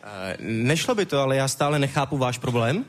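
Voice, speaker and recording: Guy doing a brisk doctor, matter of fact, talks fast. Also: mid-range voice, animated, natural voice. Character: brisk, dismissive male doctor. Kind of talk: improvised comedy sketch.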